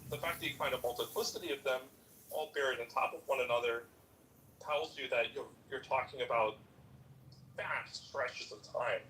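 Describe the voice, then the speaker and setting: A man debating a caller, explaining in a measured way and turning forceful when pressed. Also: mid-range voice, recorded from a distance, slight background noise, low-quality recording. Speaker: debater defending geology. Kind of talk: call-in debate.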